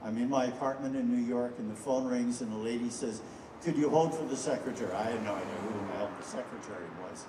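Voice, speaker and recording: An older man speaks to a festival crowd, drifting through anecdotes with many hesitations. His voice sits at an ordinary pitch and comes from well away from the microphone. The hall echoes around him with a steady rumble underneath. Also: recorded from a distance. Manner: rambling and anecdotal, frequent "uh" pauses. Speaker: filmmaker introducing a screening. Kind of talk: storytelling speech to an audience.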